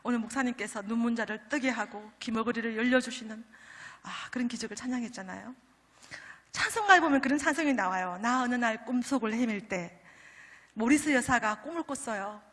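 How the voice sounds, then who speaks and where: High bright woman, animated church testimony. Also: fairly quick. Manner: animated storytelling with quoted prayers, mixing in English words. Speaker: pastor's wife giving a testimony. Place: church sanctuary. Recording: church hall reverb.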